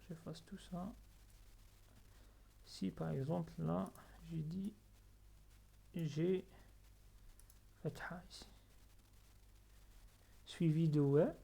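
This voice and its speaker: A teacher giving a recorded reading lesson, pronouncing each word slowly and clearly twice, then explaining patiently and quietly, with small self-corrections. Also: medium pitch.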